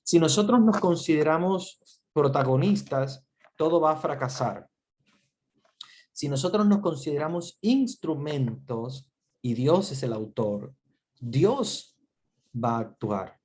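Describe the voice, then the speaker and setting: A man's voice: fairly high pitch, lively intonation, takes it slowly, darkish tone. Earnest man teaching a Bible class. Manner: earnest, repetitive, many restarts and fillers. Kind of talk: online Bible class lecture.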